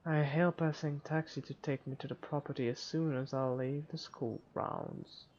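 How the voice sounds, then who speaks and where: The video game narrator reads visual novel text with offhand asides and occasional stumbles, in a darkish, medium-pitched voice of steady tone at normal speed. A little hiss or hum accompanies the muffled recording, with game music behind.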